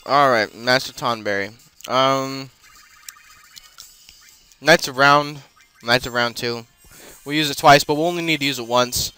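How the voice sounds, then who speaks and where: A man with a bright, crisp, smooth voice talks over his own gameplay in a loose, unscripted way. He rambles, trails off into fillers and corrects himself mid-sentence. Faint game music plays underneath. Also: medium pitch, measured pace. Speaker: let's play host. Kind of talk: casual gameplay commentary.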